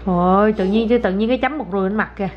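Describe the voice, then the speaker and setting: A woman's voice: mid-range voice, racing, muffled recording. A woman, a mother filming her toddler in a casual home vlog, chatty and exclaiming as she coaxes the child.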